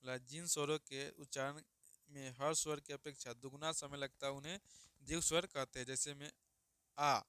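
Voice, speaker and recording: A man's voice: a little high, little pitch movement, normal speed, pushed and bright, clean tone, no echo. A man teaching grammar online, repeating each question and answer and calling students "babu.". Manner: calls listeners "babu" affectionately. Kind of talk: online exam-prep lesson.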